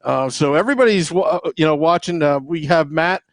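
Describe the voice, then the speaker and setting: A man's voice: fairly high pitch, a little fast, no room sound. Upbeat man reading messages, dry sound. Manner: upbeat, hesitant "uh" fillers while reading. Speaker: podcast host reading listener messages. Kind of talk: casual podcast chat.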